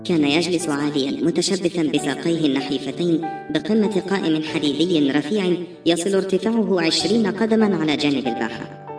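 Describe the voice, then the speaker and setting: A woman reading a novel aloud in a brisk, steady storytelling manner. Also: low voice. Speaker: audiobook narrator. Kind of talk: scripted novel narration. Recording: roomy echo, distant mic, faint music.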